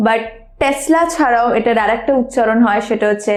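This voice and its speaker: A woman's voice: fairly high pitch, echoey room. A woman teaching English pronunciation in a lesson, spelling out words letter by letter. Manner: slow, spelling out letters one by one. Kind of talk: spoken language lesson.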